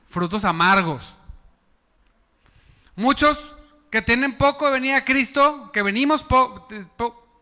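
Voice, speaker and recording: A man's voice: very high voice, sharp tone, long reverb tail. A man preaching a sermon as pastor, chatty and often asking the congregation questions. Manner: conversational, asks the congregation questions. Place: church.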